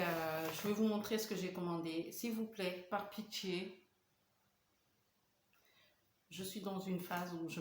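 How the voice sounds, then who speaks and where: A woman in her thirties from Senegal, chatting casually in a mukbang vlog and talking between bites. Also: on the low side. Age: 30s. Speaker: vlogger. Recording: echoey room with faint hiss.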